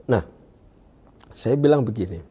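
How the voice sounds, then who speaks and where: A man from Indonesia telling his story in an interview, often pausing and restarting as he searches for words, and dropping to a hushed voice when he quotes. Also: animated, breathy edge. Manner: drops to a hushed low voice when quoting. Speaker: guest giving a testimony. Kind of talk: conversational interview.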